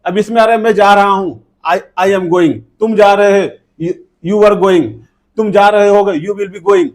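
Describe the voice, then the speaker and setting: Indian male teacher, high-pitched, repetitive question-and-answer drilling. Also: steady tone, normal speed. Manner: drills sentence pairs, repeats words, asks and answers own questions. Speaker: English teacher. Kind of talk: classroom grammar lesson.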